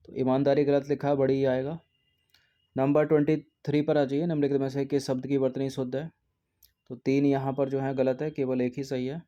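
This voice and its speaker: An exam prep teacher with a mellow, mid-range voice walks through the answers of a test series practice exam. He explains each one steadily and repeats words to check them, though the audio sounds dull.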